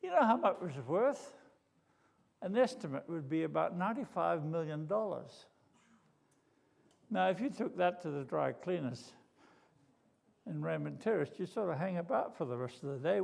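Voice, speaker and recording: An older man from Australia preaches in a church, telling his story with theatrical flair and a touch of humor. His voice sits a little high and carries a gravelly edge. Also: normal speed, long pauses. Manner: animated, dramatic storytelling with acted quotes and humor. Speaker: pastor. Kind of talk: sermon storytelling.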